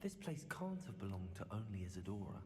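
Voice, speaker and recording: An actor playing a serious, thoughtful young male wizard student in video game dialogue, speaking in a measured way. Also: sits low, sing-song, darkish tone. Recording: game audio with clear noise and long reverb.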